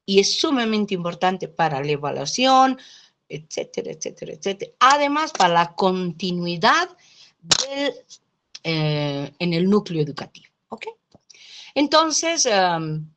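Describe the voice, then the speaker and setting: Woman, sociology lecturer, storytelling lecture, slightly low voice, frequent checking tags. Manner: lively storytelling, often adds checking tags like "¿no?" and "¿sí?". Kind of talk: lecture told through anecdotes.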